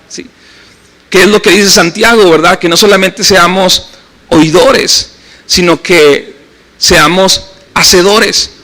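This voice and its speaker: A man's voice sitting high for a man, with a bright, forward ring to it. He is a middle-aged pastor with a Mexican accent, preaching at a church service in an easy, talk-like way, often tossing in little questions to the congregation. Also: poor audio. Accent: Mexican Spanish. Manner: conversational preaching with frequent tag questions. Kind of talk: sermon.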